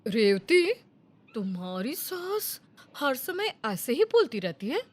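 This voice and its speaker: A young female friend from a storybook, acted by a woman, with a bright, high voice. She leans in and confides her scheme in a playful, conspiratorial way. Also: sing-song, takes it slowly, exaggerated voice. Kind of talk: Hindi storybook voice acting.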